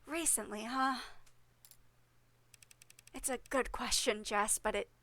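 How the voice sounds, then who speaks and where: A woman's voice: a little high, takes it slowly, bright, forceful tone, exaggerated voice. A woman reading a dry, evasive doctor.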